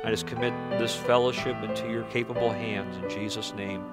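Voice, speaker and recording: A man's voice: fairly low pitch, steady tone, brisk, loud music behind the voice. A man preaching as pastor at a pulpit microphone, earnest and pleading, often repeating words as he leads a prayer in a church. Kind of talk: sermon and closing prayer. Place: church sanctuary.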